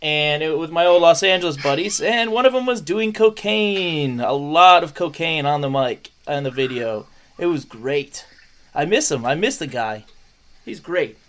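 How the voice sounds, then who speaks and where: A middle-aged man hosting a podcast, fast-talking, excitable and profane in loose crude banter. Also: fairly high pitch. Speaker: podcast host.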